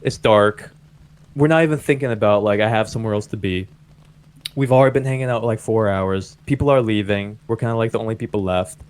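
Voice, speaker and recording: A young man co-hosting a podcast, telling a story in casual chat, with lots of "like" and animated quotes of others. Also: on the low side, fairly quick, clear, resonant tone. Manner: rambling, heavy use of "like", animated quoting. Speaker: podcast co-host.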